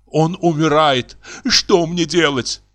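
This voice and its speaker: A man's voice: a little high, normal speed, faint music behind, voice pushed up, lightly acted. A man voicing an anxious young wife who frets and pleads for help. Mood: fretful. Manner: flustered, fretting.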